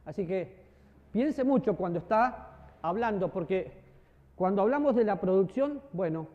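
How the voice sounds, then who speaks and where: Animated man preaching in a hall. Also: sits high, measured pace. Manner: animated, acts out voices and gestures, jokes with the audience. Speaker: preacher and teacher. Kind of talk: church teaching talk. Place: church hall. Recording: dull audio with long hall reverb.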